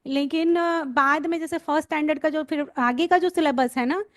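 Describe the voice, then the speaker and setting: A little hiss or hum sits under this woman's high-pitched voice as she explains phonics to parents and teachers. She pronounces letter sounds slowly and drawn out, repeating them for listeners to copy.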